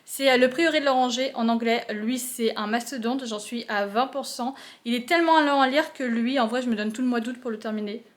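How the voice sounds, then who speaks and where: A woman's voice: on the high side, brisk. A young woman chatting casually about her unfinished books in a reading vlog, with many fillers and restarts. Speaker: book vlogger.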